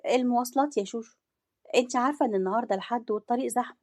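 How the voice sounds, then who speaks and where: A young wife in an audio story, wounded and bitter, with an Egyptian accent, as a woman storyteller gives her voice. She pleads and complains in a fairly high tone. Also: racing, a little mellow, natural voice. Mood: eager.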